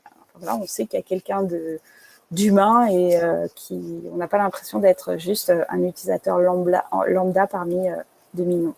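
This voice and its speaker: A woman's voice: fairly low pitch, steady tone, moderate pace, gravelly, a little mellow. A young adult woman with a French accent giving a casual presentation on UX writing, hesitant and full of fillers and restarts. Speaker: UX writer presenting.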